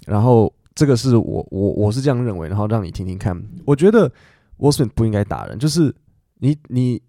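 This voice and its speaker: A man's voice: fairly low pitch, expressive, fairly quick, mellow, dry recording, studio quality. A man, an English teacher explaining things in a chatty podcast style, full of fillers and English asides.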